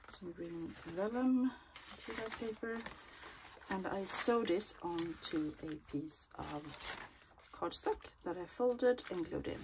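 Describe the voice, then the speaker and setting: Low and gravelly, her voice thickened by a cold, this woman walks viewers casually through a crafting project in her small craft room. She's chatty as a crafting vlogger, often dropping into half-whispered asides while she works. The audio carries constant background noise and clicking.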